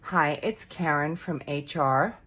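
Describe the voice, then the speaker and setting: A woman's voice: deep voice, slow, fairly bright tone, slight background noise. A woman doing a comic sketch, repeating one greeting in a string of mimicked accents. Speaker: TikTok comedian.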